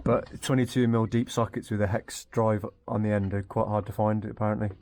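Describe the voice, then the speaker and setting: A man's voice: fairly low pitch, level tone, fairly quick, a little mellow. A man hosting a casual car repair vlog, chatting and thinking aloud with dry asides as he works in a garage. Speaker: car repair channel host.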